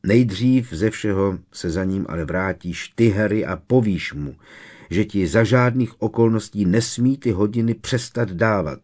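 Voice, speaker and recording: A man reading as a stern, measured wizard mentor. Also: on the low side, a little mellow, natural voice. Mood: firm. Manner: measured, firm.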